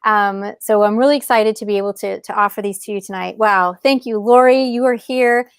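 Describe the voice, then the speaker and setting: A woman's voice: medium pitch, fairly even intonation, brisk, clean tone, dry recording. Female podcast host, enthusiastic live welcome, dry close recording. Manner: enthusiastic, greets viewers by name. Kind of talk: livestream conference welcome.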